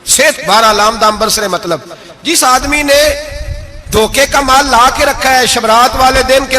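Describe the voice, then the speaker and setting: Preacher guy, fairly high voice, keeps throwing questions at the crowd. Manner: animated, quizzing the audience with rhetorical questions. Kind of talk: sermon.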